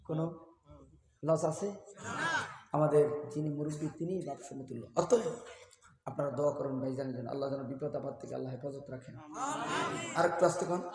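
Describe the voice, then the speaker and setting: A man's voice: on the high side, distant mic. A man with a Bangladeshi accent preaches to a religious gathering, exhorting listeners and prompting them to respond. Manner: exhorting, prompting the crowd with questions. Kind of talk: religious gathering address with calls for audience response. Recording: echoey hall with clear crowd behind.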